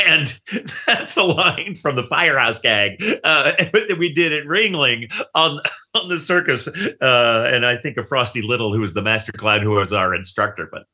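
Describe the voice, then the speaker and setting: A man chatting as a guest on a podcast over a video call, animated and quick to laugh. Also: medium pitch. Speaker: podcast guest, comic performer. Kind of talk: casual chat on a video call.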